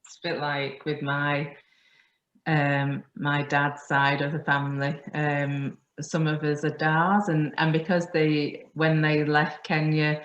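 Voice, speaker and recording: A woman hosting a podcast interview over a video call, chatty and quick to laugh. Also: sits low, level tone. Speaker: podcast host. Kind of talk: casual interview. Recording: muffled roomy call audio.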